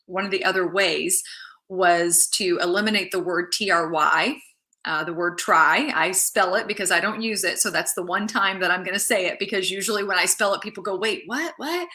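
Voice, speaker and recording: A woman's voice: lowish voice, bright, forceful tone. A woman hosting a casual live stream as a mindset coach, chatting loosely, restarting phrases and greeting viewers as they join. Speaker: livestream host and mindset coach.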